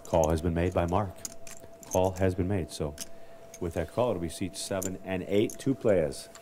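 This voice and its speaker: A man's voice: low-pitched, normal speed, dark tone, slight background noise. A man announcing cards and player actions live as a poker tournament floor announcer, procedural and repeating his calls.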